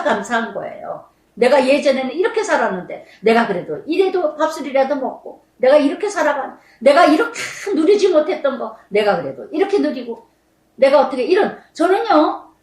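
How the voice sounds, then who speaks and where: A middle-aged woman pastor preaching a sermon, emphatic, repeating phrases and swinging between loud and soft. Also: high voice, reverberant, distant mic, poor audio.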